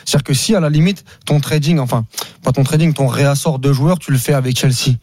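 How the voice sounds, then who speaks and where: A man debating football on the radio as a pundit, talking fast and animated and repeating words as he goes. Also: mid-range voice, no echo. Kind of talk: heated studio debate.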